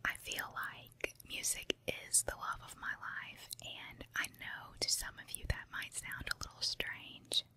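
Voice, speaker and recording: A woman whispering very close to the mic, ear to ear, in an unhurried, confiding ASMR ramble. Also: sharp tone. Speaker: ASMR video creator. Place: room at home with carpet and window. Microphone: handheld recorder with foam windscreen on tripod, very close.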